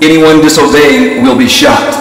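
A man voicing a stern male facility security warning, heard as a booming, echoey loudspeaker announcement in a video game. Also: normal speed. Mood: commanding. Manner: commanding, flat, repeats warnings. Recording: echoey distant loudspeaker, faint noise.

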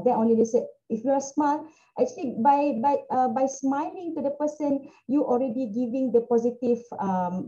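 A woman's voice: fairly high pitch, dark tone, highs cut off. A woman with a Malaysian English accent giving a chatty online webinar lecture, full of "you know" fillers, over a computer video call. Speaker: guest lecturer.

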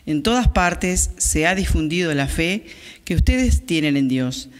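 A woman reads a scripture passage at Mass in a steady, careful way at a lectern microphone in a small chapel. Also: fairly low pitch, measured pace, soft background music. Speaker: lay reader at Mass. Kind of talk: liturgical scripture reading. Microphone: gooseneck microphone on the lectern. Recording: reverberant chapel sound.

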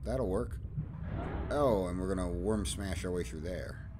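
A man's voice: sits low, measured pace, noisy background. A man giving crude, joking, rambling play-by-play commentary on his own gameplay video. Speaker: gaming video host. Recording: game music loud behind voice. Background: game music and sound effects.

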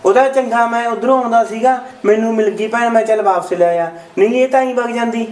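A man's voice: very high-pitched, a little fast, darkish tone, rough recording. An actor playing a protective brother who takes his sister's side against his wife. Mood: reproachful. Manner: insistent, reproachful. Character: protective brother, firm and indignant. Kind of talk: amateur short-film acting.

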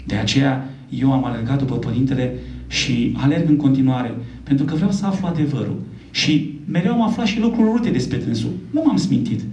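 A priest giving a lively speech at a book launch, telling stories and voicing the people he quotes. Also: medium pitch. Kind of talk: public speech with storytelling. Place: event hall. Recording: echoey room from a distant mic.

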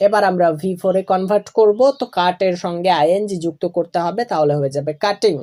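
A woman teaching English grammar, going slowly and deliberately through each verb form and letting phrases fall low at the ends. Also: fairly even intonation, mellow. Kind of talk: classroom explanation of verb forms.

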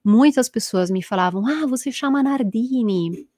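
Here an Italian-accented woman in her thirties, from Italy, runs a live online language lesson from a small home room, lively as she reads out viewer comments and gestures plenty. Her slightly high voice moves at normal speed, and her earphone headset mic picks it up with studio quality and no room sound.

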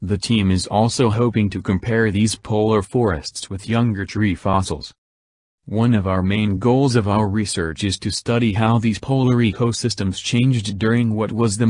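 Low-voiced man narrating like a nature documentary. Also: normal speed, darkish tone, no room sound. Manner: reads formally from a written article. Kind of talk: scripted news narration in a nature documentary manner.

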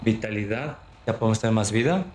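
A man giving casual, unhurried gameplay commentary on a livestream, thinking aloud as he plays. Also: lowish voice, darkish tone. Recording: roomy echo with clear background noise.

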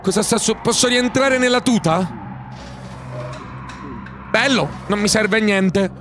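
A man with an Italian accent doing let's play commentary on a horror game, jokey and excitable, reading the game's dialogue aloud and shouting when he's scared. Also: sits high, slow, over music. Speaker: gaming YouTuber.

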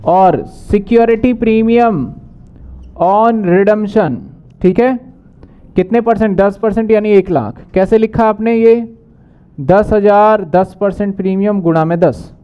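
A man teaching accounting in a brisk lecture, asking questions and answering them himself. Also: sits high, smooth, lo-fi sound. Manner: brisk, asks and answers his own questions. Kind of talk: whiteboard lecture.

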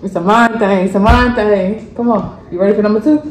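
A woman's voice: mid-range voice, fairly even intonation, fairly quick, a little mellow. A woman cheers on her partner in a casual challenge video, counting down and repeating her encouragement. Her voice sits in a mid range. The sound is echoey, with a faint hiss behind her.

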